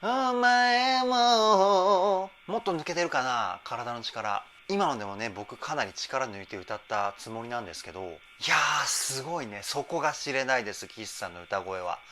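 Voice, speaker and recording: Animated, bright-voiced male vocal coach. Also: moderate pace, few pauses. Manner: enthusiastic, breaks into sung demos and falsetto examples. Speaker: vocal trainer. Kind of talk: reaction and vocal analysis commentary.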